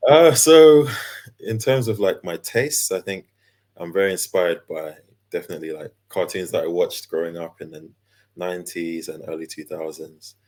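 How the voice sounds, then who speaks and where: Easygoing guy in his 30s, really low deep voice, chatty interview guest. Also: big pitch swings, moderate pace, a little mellow. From London, England. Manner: laid-back, easygoing, with many fillers and laughs. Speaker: guest, character designer and illustrator. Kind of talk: casual interview chat.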